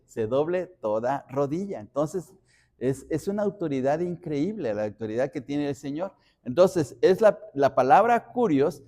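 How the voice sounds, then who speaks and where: A man's voice: fairly high pitch, a little mellow. A man from Mexico, a pastor teaching a Bible study, explaining word by word and repeating phrases as he reads references.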